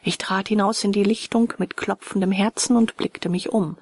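A woman narrating a dramatic story aloud, often dropping to a hushed whisper. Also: medium pitch, fairly even intonation, normal speed, breathy edge. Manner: dramatic, shifts between hushed whisper and raised calls. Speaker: audiobook reader.

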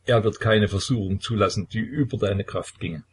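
A man voicing a pious older aunt of the royal family who urges and consoles with earnest firmness, in a husky voice. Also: on the low side, normal speed. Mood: devout.

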